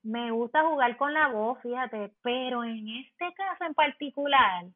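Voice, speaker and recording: Woman, Puerto Rican accent, podcast guest, animated explaining, higher voice, dry tinny phone-like sound. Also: measured pace. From Puerto Rico. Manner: animated, explanatory, many fillers. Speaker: actress guest. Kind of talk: podcast interview chat.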